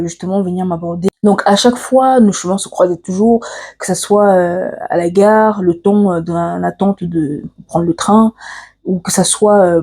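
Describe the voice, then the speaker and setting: A woman with an African French accent telling a personal story to camera, earnest and confiding, pausing often on fillers and restarts. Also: on the low side, warm tone, slightly rough. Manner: hesitant, frequent "euh" fillers and restarts. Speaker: vlogger.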